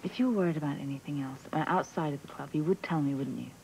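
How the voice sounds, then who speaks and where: A woman's voice: low-pitched, fast talker, creaky, a little mellow, slight background noise, rough recording. A woman acting in a daytime soap opera as a detective and wife who keeps asking probing, insistent questions.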